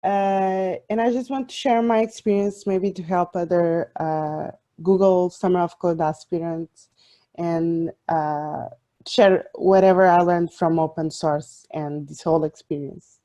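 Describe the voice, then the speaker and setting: A young woman from Portugal, a software developer, giving an online talk with many fillers and restarts. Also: on the low side, fairly even intonation, a little slow. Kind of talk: online presentation.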